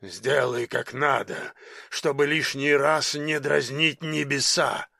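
A man voicing a huge, gruff bearded giant servant in an audiobook reading, blunt and hurrying. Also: mid-range voice, steady tone, slow pace, bright, forceful tone, dry recording, studio quality, heavily acted. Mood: urging.

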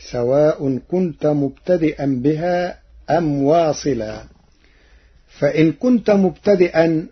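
A man giving a formal religious explanation on the radio, intoning quoted verses slowly and deliberately. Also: a little high, breathy edge. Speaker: radio presenter explaining Quran reading variants. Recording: dull lo-fi archival radio recording.

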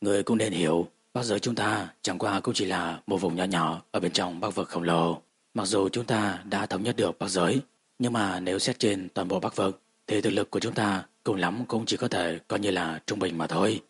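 A man voicing a powerful woman cultivator who serves as advisor, speaking slowly and in a measured way. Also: low voice, steady tone, slightly rough, no room sound. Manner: slow, measured speech.

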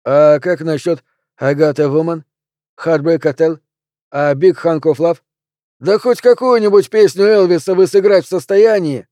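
A man's voice: fairly high pitch, moderate pace, mellow, no echo, clean studio sound, voice pushed up, close to an everyday voice. A man voicing a stout, middle-aged [name] impersonator who speaks earnestly in a raised voice. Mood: nervous.

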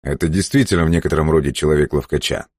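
A man reading an audiobook voices a furious, ruthless male leader who barks orders in a raised, sharp voice. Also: extremely low pitch, rapid-fire, no room sound, studio quality. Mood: tense.

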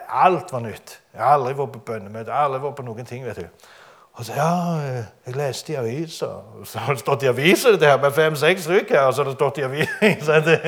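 Animated man preaching. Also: medium pitch. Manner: animated, dramatic storytelling with frequent laughter. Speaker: preacher giving testimony. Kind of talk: testimony sermon.

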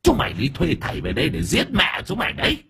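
A man's voice: fairly high pitch, huge pitch swings, quick pace, vocal fry, sharp tone, breathy edge, pitched above the performer's own voice, heavily acted. A man doing a hissing possessed old woman. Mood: hateful. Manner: hissing, shrieking curses.

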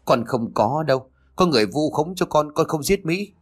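A man's voice: on the high side, lively intonation, normal speed, husky, faint music behind, voice pushed up. A man voicing a spoiled, defiant young woman protesting her arrest, indignant and pleading.

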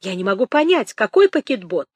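A man's voice: high-pitched, sing-song, brisk, no echo. A woman doing a dazed, bewildered man. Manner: confused, pleading questions. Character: dazed, bewildered man being hurried along.

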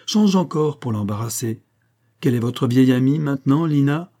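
A man reading the part of a confident, teasing young mill owner in an audiobook, in a slightly raised, husky voice. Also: medium pitch, animated, moderate pace, dark tone, pitched above the performer's own voice, natural voice.

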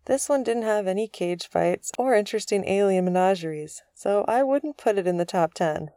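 A woman's voice: mid-range voice, expressive, moderate pace, warm tone, lightly acted. A woman voicing an easygoing, practical male starship pilot in a storybook reading, plain and good-natured.

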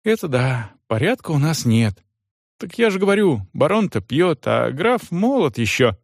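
A man's voice: a little high, sing-song, moderate pace, vocal fry, no echo, studio quality, voice pushed up, heavily acted. A man voicing a simple, chatty peasant servant who talks in a folksy, rambling singsong. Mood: gossipy. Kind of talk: audiobook character voice.

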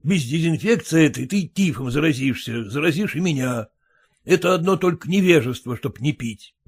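A man's voice: on the high side, animated, moderate pace, breathy edge. A man voicing a fussy, self-important merchant husband who lectures and grumbles. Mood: grumbling. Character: pompous fussy merchant husband, fearful of typhus.

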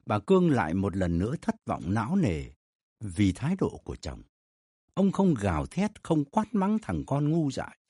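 A man narrating a family story in an expressive, dramatic reading style. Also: on the low side, husky, no echo, clean studio sound.

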